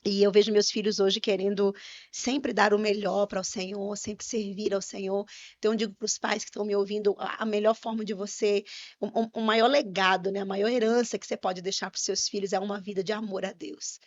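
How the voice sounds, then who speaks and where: A woman's voice: medium pitch, flat delivery, a little fast. A woman minister, a podcast guest, telling an earnest personal testimony with fervent religious emphasis. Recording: slightly muffled podcast audio.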